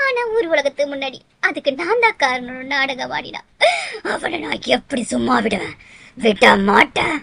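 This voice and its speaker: A woman's voice: high-pitched, expressive, moderate pace, creaky, a bit bright, heavily acted. A woman voicing a vengeful ghost girl. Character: murdered young village woman's ghost, bitter, vengeful. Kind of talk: dramatic storytelling narration.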